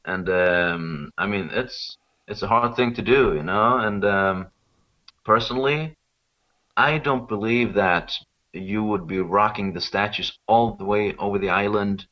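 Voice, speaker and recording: Speaking at a measured pace in a fairly low register, this Swedish interview guest, a local authority on Rapa Nui, explains things in a relaxed, conversational way. He keeps dropping in "you know" to check he's followed. The recording sounds dull and call-like.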